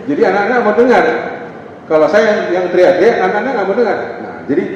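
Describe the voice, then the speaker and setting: A man's voice: high voice, animated, quick pace, a little hiss or hum. Middle-aged male counselor, conversational seminar speaker, very roomy distant sound with faint ambience. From North Sumatra (Batak). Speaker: pastor and family counselor. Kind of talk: seminar talk. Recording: echoey hall, distant dull mic.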